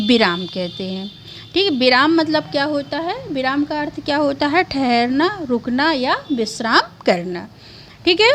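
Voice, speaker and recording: A woman with a high voice teaching a grammar lesson in a steady classroom manner. She repeats each point and answers the questions she puts to the class. A faint hiss sits under the voice. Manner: explains each point twice, asks and answers her own questions.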